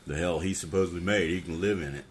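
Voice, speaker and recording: A middle-aged man with a very low, deep voice, talking bluntly and swearing freely as he vents in a casual podcast chat. A faint hum of background noise sits under his voice. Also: fast. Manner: blunt, profane, bitter. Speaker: podcast co-host. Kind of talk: casual political rant.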